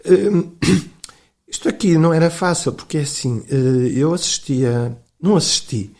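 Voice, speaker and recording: A man's voice: a little high, lively intonation, moderate pace, darkish tone. Older Portuguese man telling anecdotes. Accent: European Portuguese. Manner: rambling anecdotal storyteller with frequent hesitations. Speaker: historian guest. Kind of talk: conversational interview storytelling.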